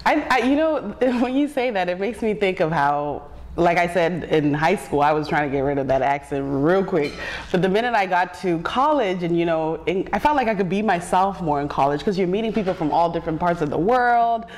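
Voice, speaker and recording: A woman's voice: lowish voice, expressive, fairly quick. A woman from Zimbabwe, co-hosting a casual talk show and laughing often. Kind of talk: casual chat. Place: bright living-room studio set.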